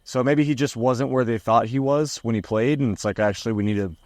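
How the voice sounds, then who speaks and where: A man's voice: mid-range voice, steady tone, fairly quick, a little mellow, no room sound, clean studio sound. Speculating man on sports podcast. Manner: speculative, uses lots of "like". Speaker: podcast co-host. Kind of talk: casual sports chat.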